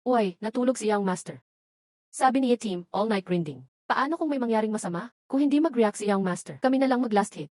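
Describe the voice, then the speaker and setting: A woman's voice: fairly high pitch, animated, brisk, a little mellow, no echo. A woman reading all the roles of a dubbed short drama in one voice.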